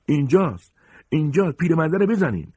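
A man voicing young thugs who shout in a frenzy as they hunt a man down. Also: a little high, very animated, slightly rough, no echo, pitched above the performer's own voice. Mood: frenzied.

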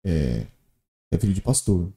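A man's voice: low-pitched, very animated, a little slow, vocal fry, mellow, roomy sound. A man, a podcast host, chatting casually and searching for his words.

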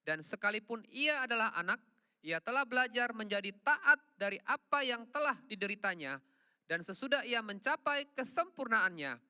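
A person reading a scripture passage aloud in a steady, even way. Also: mid-range voice, no echo, studio quality.

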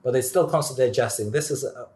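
A man speaking as a guest expert in a technical interview, animated, with many fillers and restarts. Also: mid-range voice, fast.

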